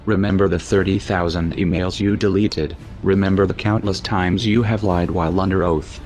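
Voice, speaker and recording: A man speaking through a disguised deep voice, reading a cold, measured, menacing scripted statement. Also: steady tone, darkish tone, faint music behind.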